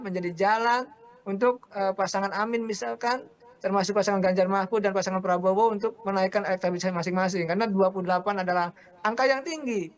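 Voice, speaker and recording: A man speaking as a political analyst in a remote interview, deliberate and repeating phrases for emphasis. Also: sits high, dull audio.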